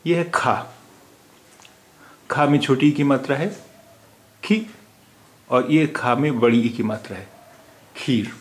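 A man's voice: mid-range voice, takes it slowly, pauses often, echoey room, rough recording. A man teaching a language lesson, patiently spelling out letters and repeating their sounds. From India. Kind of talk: slow spoken lesson.

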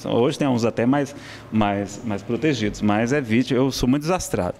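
A man with a Brazilian Portuguese accent lectures a room on public speaking, relaxed and conversational, restarting phrases and checking in with the audience. His voice sits at a mid pitch. Faint background noise carries through the lecture hall. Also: moderate pace, gravelly. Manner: conversational, frequent tag questions and self-corrections. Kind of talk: classroom lecture.

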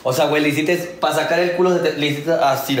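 A man's voice: on the high side, steady tone, quick pace. Teasing young Mexican man, echoey room. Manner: teasing, scolding, crude slang. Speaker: vlogger. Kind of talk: casual banter. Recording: echoey room with faint noise.

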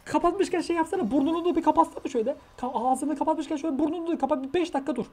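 A man giving comic, mocking reaction commentary over a reality show, with loud exasperated outbursts. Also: very high-pitched, very fast. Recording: show music playing underneath.

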